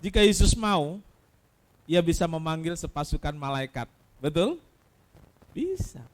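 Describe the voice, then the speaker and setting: A man with an Indonesian accent preaching a sermon as pastor, asking rhetorical questions and swinging between loud cries and soft low asides. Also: lively intonation, a little slow. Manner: addresses listeners as saudaraku.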